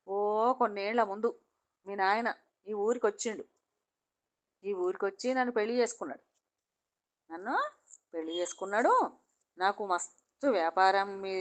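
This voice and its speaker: A woman's voice: medium pitch, natural voice. A woman voicing a pleading, insistent old village woman with a Telangana accent, who keeps repeating her demand. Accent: Telangana Telugu.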